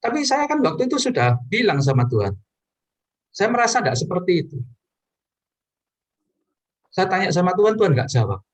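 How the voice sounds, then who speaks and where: A man's voice: sing-song, normal speed, long pauses. A man preaching in a personal testimony, telling his story earnestly to the congregation and addressing them directly. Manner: earnest storytelling with sudden pitch rises.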